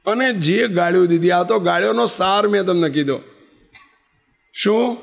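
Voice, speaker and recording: Male spiritual leader, slightly high, gravelly voice, storytelling sermon with questions to the crowd. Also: brisk. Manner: asks the audience questions. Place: assembly hall with audience. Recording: long reverb in a large hall.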